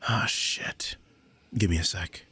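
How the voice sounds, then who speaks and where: Speaking slowly as a guilt-ridden, protective magical guardian, a man offers soothing reassurance in an intimate roleplay audio drama. His husky, breathy delivery is soft and hesitant, broken by frequent sighs and frequently dropping to near a whisper, with no room sound at all.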